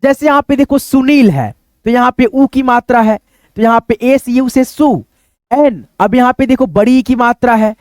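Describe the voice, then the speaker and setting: Man, very high voice, patient step-by-step lesson, asks and answers himself. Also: darkish tone, no room sound. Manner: repetitive, explanatory, often asks and answers himself; addresses viewers as friends, drawn-out words. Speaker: teacher. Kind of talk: classroom-style lesson.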